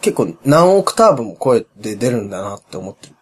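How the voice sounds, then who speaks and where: A man co-hosting a casual late-night chat show, relaxed, laughing often, his voice climbing higher as he gets excited. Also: quick pace, slightly rough. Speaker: podcast co-host.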